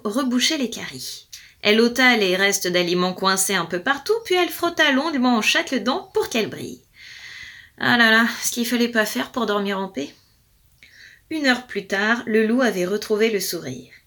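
A woman storyteller reading a fairy tale aloud, expressive and playful, with sound effects and hushed asides. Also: on the high side. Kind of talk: storytelling for children.

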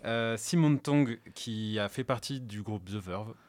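A man's voice: lowish voice, a little slow, a little mellow, no echo. A man co-hosting a music show, presenting a band with many hesitations. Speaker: radio show co-host. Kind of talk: casual music show chat.

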